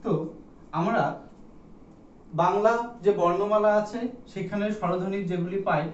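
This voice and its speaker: A man's voice: high-pitched, steady tone, moderate pace, slight background noise. A male teacher giving a classroom lecture, counting items aloud and asking the class questions. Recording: echoey room, distant mic, dull sound.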